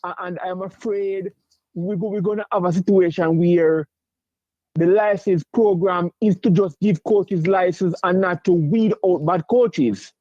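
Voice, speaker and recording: High-voiced, stammering Jamaican-born male caller. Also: steady tone, dark tone, dry recording, highs cut off. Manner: halting, many stammered restarts and fillers; insistent, repeats himself. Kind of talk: call-in sports debate.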